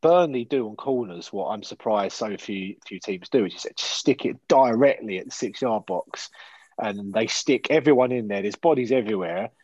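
This man hosts a casual football podcast, speaking frankly and steering the conversation among his co-hosts. His voice is fairly low and darkish, at a normal speed. The recording has no echo but sounds lo-fi.

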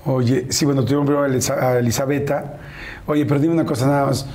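An interviewer who prompts the guest with brief questions and quick affirmations in a relaxed conversation. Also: medium pitch.

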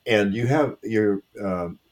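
A man hosting an interview, asking friendly questions with many hesitant pauses. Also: lowish voice, a little mellow, a little hiss or hum. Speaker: podcast host.

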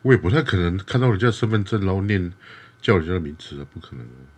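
A man's voice: deep voice, rapid-fire, husky. A middle-aged man co-hosting a podcast as a professor, chatting casually and animatedly. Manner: animated, breaks into laughter and mock voices. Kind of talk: casual chat.

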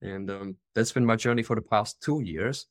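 A Czech man in his twenties, appearing as a podcast guest, tells his life story in a casual interview, earnest and open with many fillers. His voice is fairly low and at a normal speed, recorded dry with studio quality.

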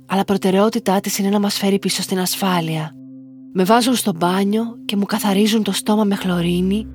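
A woman reading a listener's first-person story aloud in slow, measured scripted narration. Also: mid-range voice.

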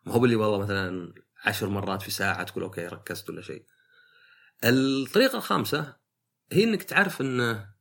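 A man's voice: lowish voice, vocal fry, a bit bright, slightly rough. A man, a podcast host talking through his ideas in a casual, reflective monologue, thinking aloud with many fillers.

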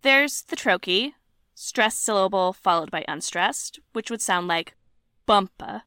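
A woman's voice: medium pitch, animated, a little slow, bright, forceful tone, clean tone, dry recording, studio quality. A woman co-hosting a podcast, reading a scripted explainer in a playful way and sounding out rhythms aloud. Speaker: podcast co-host.

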